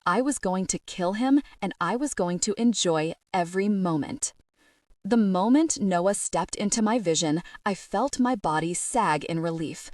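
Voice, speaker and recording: A woman reading a dramatic novel in the first person, intense and loud in the shouted lines. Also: medium pitch, animated, measured pace, no room sound, clean studio sound, far from the mic. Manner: intense, raises voice for shouted dialogue. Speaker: audiobook narrator.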